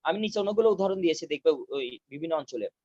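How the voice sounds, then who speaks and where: A man teaching a class over a video call, repeating key terms slowly so students can take notes. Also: fairly high pitch, lively intonation, darkish tone, no room sound, highs cut off. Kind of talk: online class lecture. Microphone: video call mic.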